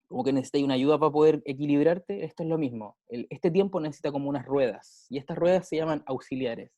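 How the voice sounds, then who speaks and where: A man's voice: fairly high pitch, warm tone, dry recording. A male teacher with a Chilean accent, explaining grammar in a casual way with everyday examples and frequent check-ins with his pupils. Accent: Chilean Spanish. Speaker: English teacher.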